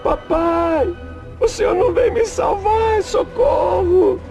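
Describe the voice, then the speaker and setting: Boy trapped in a fire calling for his dad, shrill and desperate, as a male preacher puts him on, well above his own voice. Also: slow pace, loud music behind the voice, full character voice. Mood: terrified. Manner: high shrill crying shouts. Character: small boy trapped in fire, screaming for father.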